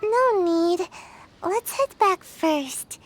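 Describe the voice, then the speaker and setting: A woman's voice: extremely high pitch, animated, very slow, heavily acted. A woman voicing a lazy, sleepy young girl ninja in a game, talking in a drowsy, offhand, teasing way. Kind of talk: game voice acting.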